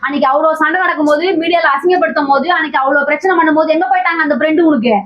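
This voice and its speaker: A woman's voice: high voice, racing. A woman vlogger in a heated confrontation, pleading and accusing, who keeps repeating the other person's name. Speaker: vlogger in a staged argument. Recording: dull lo-fi sound.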